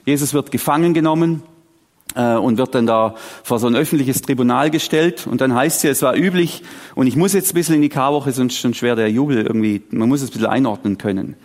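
Animated pastor in his forties. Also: medium pitch, fast. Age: 40s. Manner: animated, dramatic storytelling with sudden drops to quiet. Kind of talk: sermon.

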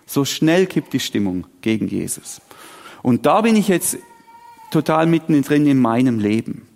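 A man, preaching a sermon with animated, dramatic storytelling and sudden drops to a quiet voice. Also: medium pitch, measured pace, gravelly. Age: 40s. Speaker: pastor.

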